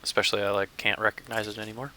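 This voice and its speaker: A man's voice: fairly low pitch, little pitch movement, very fast, pushed and bright, a little hiss or hum. A man casually talking through his gameplay as a channel host, thinking aloud and chuckling now and then. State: hiccups. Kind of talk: casual let's-play commentary.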